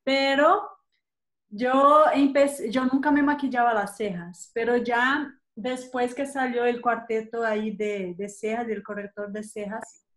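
Her voice is fairly high, bright and steady, never hurried. She's a thirty-something Colombian with a Colombian accent running a relaxed live makeup chat from a desk in a small room, recorded by a webcam at desk distance, and she often ends questions with a chatty "¿sí?".

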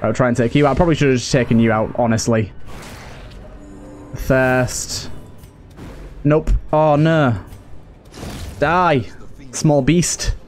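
A gaming video host gives casual let's play commentary, muttering to himself as he works through his moves. His medium-pitched voice is steady and slow with frequent pauses, and game music plays in the background.

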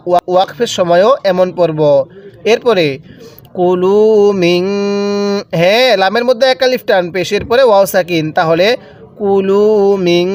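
A man teaching Quran reading in a step-by-step lesson, chanting each word slowly and drawn out, then explaining the rules in plain talk. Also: sits high. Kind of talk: slow step-by-step recitation lesson.

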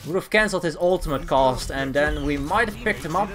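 A man's voice: a little high, lively intonation, fairly quick, a bit bright. Chatty man commenting on gameplay. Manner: casual, chuckling, self-correcting play-by-play. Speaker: gaming channel host. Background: game music.

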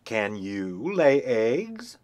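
A man's voice: big pitch swings, drawn-out words, darkish tone, no room sound. A man voicing a bossy, haughty hen who lectures and scolds. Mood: scolding. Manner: scolding, shrill.

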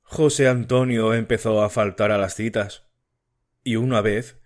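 A man narrating a literary audiobook in a measured, deliberate way. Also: fairly low pitch, steady tone.

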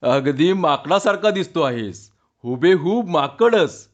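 Jokey young man teasing his pal, put on by a male reader, a touch high, dull lo-fi. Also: animated, takes it slowly. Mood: joking. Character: young male narrator-self, amused and jokey.

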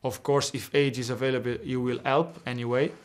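Earnest young footballer with Portuguese roots. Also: male voice, mid-range voice, level tone, a little fast, very noisy. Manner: earnest, repeats and restarts words. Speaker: footballer guest. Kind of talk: interview answers. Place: indoor locker room. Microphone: video call.

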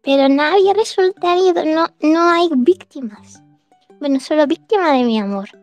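A woman's voice: high-pitched, expressive, moderate pace, darkish tone, muffled recording, faint music behind. A woman streamer chatting casually with her listeners, rambling and giggling often between phrases. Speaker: streamer hosting a live audio chat.

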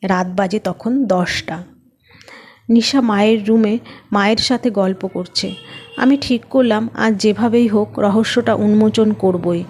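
A woman's voice: mid-range voice, unhurried, darkish tone. Woman reading a story aloud. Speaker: story narrator. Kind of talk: scripted first-person story narration.

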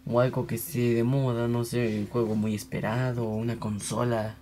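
Mellow young man rambling. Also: medium pitch, flat delivery, normal speed. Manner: rambling and chatty, voices digging sounds aloud. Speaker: gaming channel host. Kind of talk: casual gameplay commentary.

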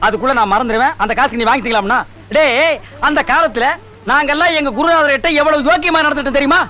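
A man's voice: very high voice, bright, forceful tone. An actor playing a bossy, bragging village exorcist in a Tamil film comedy, scolding and mocking his assistant. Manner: scolding, mocking, quick-tongued.

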